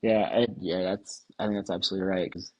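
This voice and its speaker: A man's voice: low-pitched, fast talker, no room sound, low-quality recording. A young man co-hosting a podcast, chatting casually in a rambling, easygoing way. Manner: relaxed and rambling, with many restarts and "like"s. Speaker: podcast co-host. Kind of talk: casual chat.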